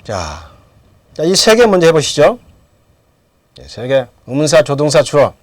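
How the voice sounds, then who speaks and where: Middle-aged male language teacher, animated delivery, dry recording, drills the class with questions. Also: a little high, a little slow, no room sound. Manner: asks questions and answers them himself. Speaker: English teacher. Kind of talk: lecture with drills.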